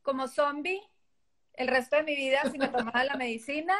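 High-voiced Mexican woman, animated storyteller. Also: a little fast, crowd noise. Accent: Mexican Spanish. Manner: animated, acts out quoted dialogue. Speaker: guest. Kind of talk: casual interview chat.

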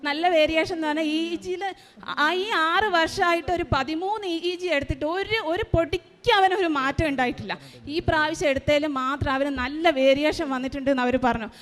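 A middle-aged woman giving a personal testimony as a mother at a shrine service, retelling events earnestly and haltingly, often restarting her words. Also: sits high, fairly bright tone. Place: large church hall. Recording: long hall reverb.

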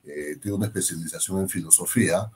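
Male host with a low voice, affirming and reflective. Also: fast talker, darkish tone. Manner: affirming, reflective, prompts with questions. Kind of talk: casual interview.

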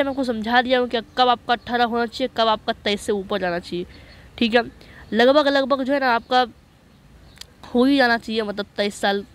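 A man walking viewers through a job notice in a voice-over on a screen recording. He talks in a chatty way, keeps checking that listeners follow, and reads English passages slowly. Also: very high voice, fairly bright tone. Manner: chatty, repeats "okay" to check understanding. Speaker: online job-notice explainer.

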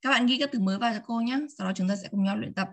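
A woman teaching vocabulary in an online class. She repeats each word slowly and keeps checking that her students are following. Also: medium pitch, creaky. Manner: models words slowly and repeats them. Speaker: English teacher. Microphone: video call.

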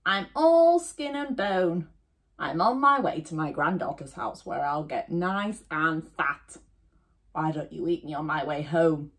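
A woman voicing a crafty, cheerful little old grandmother in a children's story, in a high quavering voice. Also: expressive, a little slow, a bit bright, exaggerated voice. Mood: coaxing.

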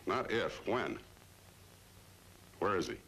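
A man's voice: low-pitched, sing-song, takes it slowly, noisy background, exaggerated voice. An actor playing a suave, tough male club owner in a classic TV crime drama, cool and commanding. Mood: stern. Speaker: lead detective character. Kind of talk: 1950s TV crime drama acting.

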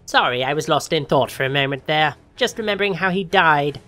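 Sharp, haughty alien tyrant emperor. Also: male voice, on the high side, a little fast, faint music behind. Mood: smug, disdainful. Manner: petty tyrant, haughty and insulting, theatrical. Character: vain, tyrannical male alien emperor, sneering and easily outraged. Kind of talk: comedy mock interview in character.

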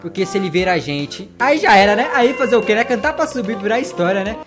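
Brief: excitable male gaming vlogger, rapid-fire commentary. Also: high voice, over music. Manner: excitable, jumpy, talks straight to viewers. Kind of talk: let's-play commentary.

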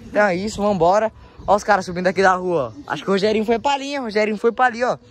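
A young man with a São Paulo Brazilian accent, chatting casually and excitably in slang to a handheld phone outdoors as he vlogs. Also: high voice, rapid-fire, faint music behind. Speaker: vlogger. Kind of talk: casual vlog chat. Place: outdoors in a residential yard. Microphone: handheld phone, held by the speaker.

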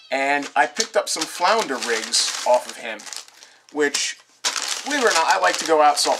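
A young man casually showing off his fishing tackle on his channel, talking in a relaxed, rambling way with lots of fillers. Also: mid-range voice, slight background noise. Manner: relaxed, rambling with many fillers, laughs softly. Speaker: fishing vlogger. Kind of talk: casual show-and-tell. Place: living room, seated on a couch indoors. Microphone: camera mic at close range.

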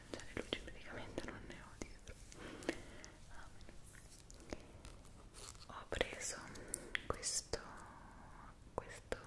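Girl in her 20s whispering asmr, super hushed, rambly chat right up at the mic. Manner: hushed whisper, speaking very softly; unhurried, rambling, searching for words. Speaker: ASMR creator. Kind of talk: whispered ASMR chat about personal routine. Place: small indoor room. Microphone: two close side microphones in front.

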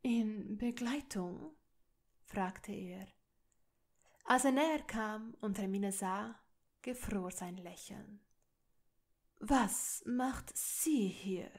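A woman narrating a fan fiction story as an audiobook, calm and measured. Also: mid-range voice.

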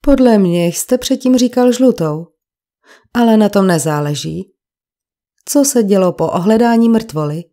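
A woman's voice: medium pitch, warm tone, close to an everyday voice. Insistent male detective, probing questions, raised and pressing, read by a woman in a crime audiobook. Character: persistent male police detective questioning a witness.

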